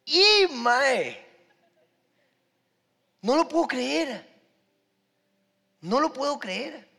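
A man's voice: very high voice, big pitch swings, very slow, gravelly, bright, forceful tone, voice pushed up, exaggerated voice. A tearful young boy begs and pleads in a small, raised voice, as a man acts him out. The voice rings with the long reverb of a large hall. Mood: amazed.

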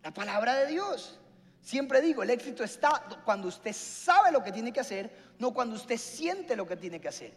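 High-voiced preacher in a hall. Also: male voice, big pitch swings, normal speed. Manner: preaching, asks the congregation questions. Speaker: pastor. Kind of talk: sermon. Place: church hall. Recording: long hall reverb with faint music.

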